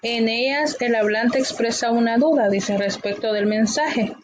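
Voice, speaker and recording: A woman teacher explaining a grammar lesson patiently, often pausing with fillers. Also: on the high side, a little hiss or hum, rough recording.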